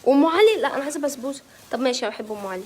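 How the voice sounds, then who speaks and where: Egyptian girl doing a live stream, high voice, chatty, laughs a lot, greets ppl by name. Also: lively intonation, very fast, crowd noise. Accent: Egyptian Arabic. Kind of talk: casual live-stream chat with viewers.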